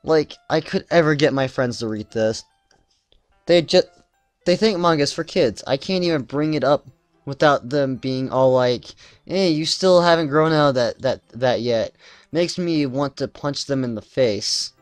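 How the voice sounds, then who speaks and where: A man's voice: medium pitch, measured pace, smooth, no echo, soft background music, lightly acted. A man reading aloud and voicing a prickly, embarrassed teenage girl who answers with snappy, defensive retorts. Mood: annoyed.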